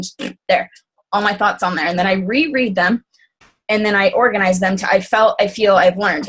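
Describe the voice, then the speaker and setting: A woman talking casually on a group call, rambling quickly with lots of fillers. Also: mid-range voice, slightly rough. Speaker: team call speaker.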